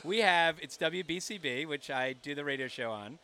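A man hosting a podcast, telling stories in an animated way and laughing often. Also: fairly high pitch, normal speed. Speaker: podcast host. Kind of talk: casual chat.

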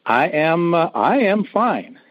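A man's voice: a little high, big pitch swings, takes it slowly, dry recording. A man from Minnesota calling in to a radio show, speaking hesitantly and reading his question aloud over a phone line. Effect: radio show caller heard over a phone line. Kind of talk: call-in question to a spiritual healer. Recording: tinny, dry phone line.

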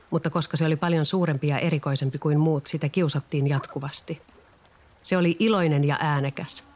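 A storyteller reads a children's storybook aloud in a calm, steady voice of middle pitch. The narration stays even and unhurried throughout. A faint layer of background noise sits under the voice.

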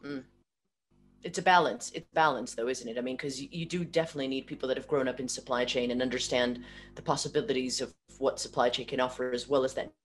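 A woman's voice: rumbling low, steady tone, quick pace. A woman interviewing a guest over a video call whose sound keeps breaking up. She thinks aloud, restarts her sentences and ends many of them with tag questions. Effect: video call audio that breaks up. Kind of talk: remote interview. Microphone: computer or laptop mic on a video call.

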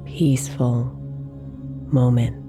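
Meditation host: woman, deep register, very unhurried, soft and soothing, over prominent new-age music. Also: fairly even intonation. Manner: soft, soothing, gently drawn out. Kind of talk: guided meditation narration. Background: new-age music with singing bowls.

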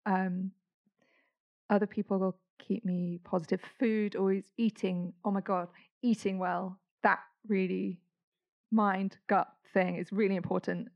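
Upbeat chatty woman, gravelly. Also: medium pitch, little pitch movement, unhurried. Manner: chatty, upbeat, laughs often. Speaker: podcast guest. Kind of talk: casual conversation. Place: indoor room. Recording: dull lo-fi sound.

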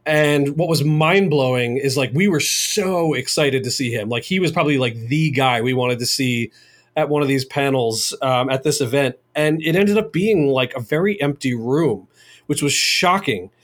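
Podcast co-host, man, loose rambling storyteller, average pitch. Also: moderate pace. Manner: rambling storytelling, many fillers. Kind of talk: casual chat.

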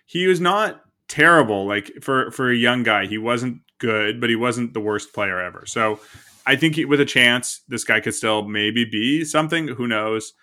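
In casual sports talk, this man co-hosts a podcast and wanders through football topics with many fillers. He speaks at normal speed in a mid-range voice that sounds pushed and bright.

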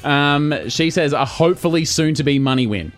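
A man's voice: on the high side, moderate pace, faint music behind. Playful man reading listener wins. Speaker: podcast co-host. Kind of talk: casual chat, reading listener messages.

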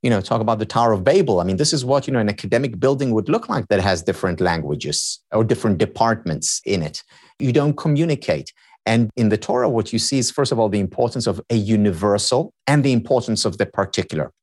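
A man whose first language is Hebrew, a happiness researcher and teacher, guests on a podcast, lecturing through explanations and reinforcing each point by repetition. His fairly low voice is animated and quick, with a darkish tone.

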